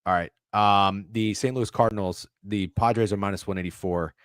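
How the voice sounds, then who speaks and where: A man co-hosting a sports betting podcast in casual chat, excitable, swearing freely and tripping over his words. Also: lowish voice, moderate pace, smooth, no room sound, clean studio sound.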